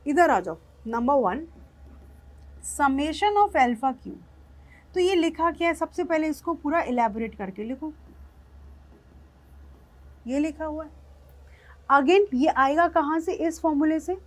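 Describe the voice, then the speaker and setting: A woman with a high voice teaches maths in a lecture, working through each step slowly and carefully. She keeps checking whether the class has understood. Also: lively intonation. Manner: explains step by step, often checks whether students have understood.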